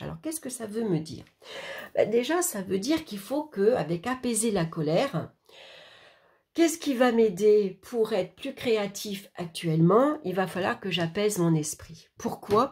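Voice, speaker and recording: Gravelly low-voiced woman teaching card reading. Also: darkish tone. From France. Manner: hesitant, many fillers and restarts, addresses viewer directly. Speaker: oracle card reader. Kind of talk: casual tutorial explaining a card reading.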